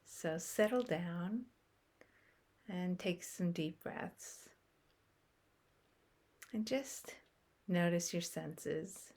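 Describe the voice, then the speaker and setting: Guiding a meditation, a woman speaks in a low, gravelly voice. She goes very slowly and softly, pausing at length between brief phrases.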